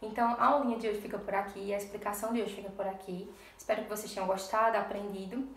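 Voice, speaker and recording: A woman's voice: mid-range voice, flat delivery, fast talker, reverberant, distant mic. A woman teaching a lesson to young children in a recorded remote class, patient and step by step, often checking in with the class. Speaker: primary school teacher.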